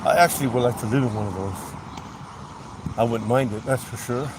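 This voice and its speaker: A middle-aged man rambles casually into a phone, filling his talk with "anyway" and "um." He talks from inside a car on city streets. Traffic and street noise come through clearly. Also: mid-range voice, moderate pace. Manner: rambling, chatty, with frequent "anyway" and "um". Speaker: livestream host. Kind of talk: casual storytelling while driving. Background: traffic and city ambience.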